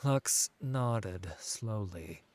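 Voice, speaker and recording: This fantasy audiobook narrator has a fairly low, slightly mellow voice and takes his time, lending the written text a measured, dramatic feel. His intonation stays lively throughout.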